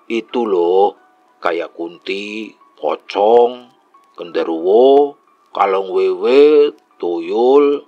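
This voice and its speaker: A man's voice: lowish voice, expressive, very slow, pauses often, no echo, lo-fi sound, soft background music, full character voice. A man voicing a young male worker at a tourist site, chatty and easily frightened, in a storytelling dialogue. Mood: telling.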